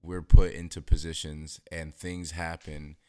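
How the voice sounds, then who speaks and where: A man's voice: a bass voice, little pitch movement, measured pace, mellow. A man co-hosting a casual podcast chat, musing in a laid-back way and swearing casually. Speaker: podcast co-host.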